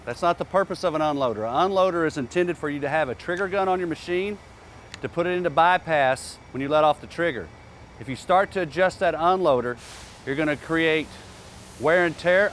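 Out in an industrial yard, a company presenter in his forties gives a practical how-to demo, his fairly high, fairly bright voice picked up by a lapel mic with slight hiss or hum. He keeps it plainspoken and tosses in casual asides.

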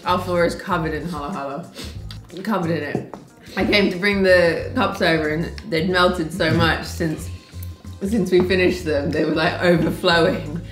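A woman's voice: lowish voice, steady tone, normal speed. A woman chatting on a food vlog in a dry, teasing way. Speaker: food vlogger. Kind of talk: casual chat while eating. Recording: echoey room with light music.

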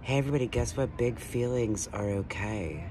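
A man in his thirties, rambling and lecturing excitedly into a phone held at arm's length outdoors. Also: mid-range voice, normal speed, noisy background. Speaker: vlogger. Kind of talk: rambling selfie monologue. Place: outdoors by a building wall.

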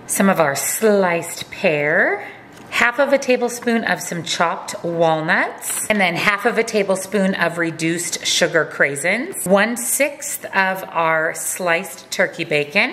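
A woman's voice: lowish voice, a bit bright, slight background noise. Woman talking through a meal prep. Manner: friendly step-by-step instructions. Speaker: cooking channel host.

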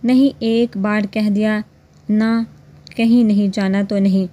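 A woman's voice: medium pitch, steady tone, slow, dark tone, natural voice. A woman voicing a jealous, spoiled young woman in a spoken romance storybook, haughty and scolding. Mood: angry, sulky.

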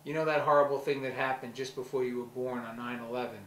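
A man's voice: mid-range voice, steady tone, fast talker, fairly bright tone, far from the mic, slight background noise. A man recording a playful, affectionate video message that he speaks directly to a child, among cannabis plants. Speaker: vlog host. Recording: roomy, from the mic, faint ambience.

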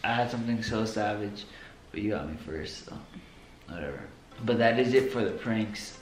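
A man's voice: fairly low pitch, normal speed. A young man vlogger talking casually with his wife, slangy and easygoing. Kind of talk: casual couple vlog chat. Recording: echoey room with faint noise.

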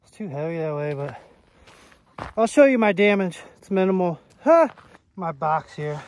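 A man's voice: sits high, sing-song, moderate pace, darkish tone. A man riding a motorcycle on desert trails, talking casually and swearing offhandedly as he comments on the ride. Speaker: motorcycle vlogger. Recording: outdoor wind and motorcycle engine noise. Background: motorcycle engine.

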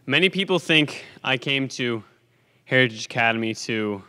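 A man's voice: medium pitch, animated, moderate pace, bright, forceful tone, clean tone. Teen boy, commencement testimony, earnest storyteller, podium mic in a reverberant gym. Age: teens. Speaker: graduating student speaker. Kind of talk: commencement speech. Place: school gymnasium stage at a lectern. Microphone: podium microphone on a stand. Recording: long hall reverb from a large gym.

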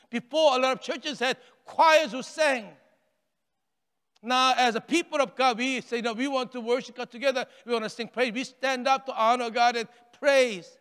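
High-voiced older pastor preaching in a hall. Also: male voice, smooth. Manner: animated preaching with wide arm gestures, rising and falling intensity; repeats and restarts phrases, drops to near-hush on key words. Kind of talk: sermon. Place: large church sanctuary, stage with pulpit. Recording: long reverb of a church hall.

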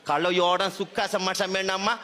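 A man performing a stand-up comedy routine on a television stage, talking in comic broken Malay with a put-on foreign accent and shouted catchphrases. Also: high-pitched, flat delivery, quick pace.

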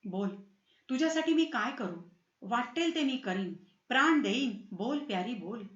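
A woman's voice: on the high side, expressive, a little slow, echoey room, highs cut off. Woman playing a passionate young prince. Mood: ardent.

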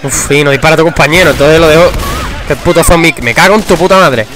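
A young man giving casual, excitable gameplay commentary, swearing and breaking into shouts. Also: a little high, quick pace. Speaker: gamer. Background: game music.

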